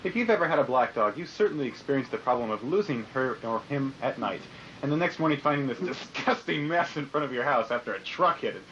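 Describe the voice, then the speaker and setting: A man delivering a mock infomercial pitch between joking takes with friends, laughing through his lines. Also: animated, fast, a bit bright. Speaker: pitchman in a homemade spoof ad. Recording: dull home camcorder audio with faint hiss.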